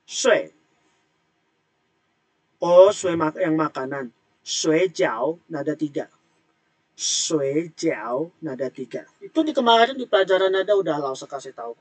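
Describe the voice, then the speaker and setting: A man teaching an online language class, explaining words and tones patiently and repeating them slowly. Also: fairly high pitch, animated. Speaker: Mandarin teacher.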